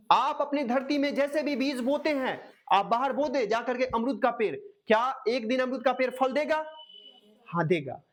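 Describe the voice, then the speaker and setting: A woman giving a motivational lesson, putting questions to her listeners and answering them herself. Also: fairly high pitch. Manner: calls listeners "dear my champion". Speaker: motivational coach.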